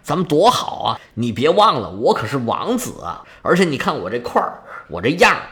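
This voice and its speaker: A man's voice: mid-range voice, big pitch swings, fairly quick, fairly bright tone. A man voicing an arrogant young prince who leers and mocks in a storytelling performance. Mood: smug leering. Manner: smug, mocking.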